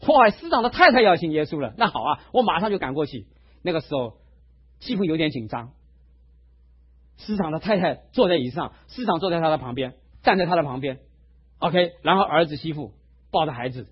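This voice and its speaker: A male pastor preaching a sermon, telling a personal testimony in an animated storytelling way, in a dull lo-fi recording. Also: on the high side, husky. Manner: animated storytelling, acts out quotes.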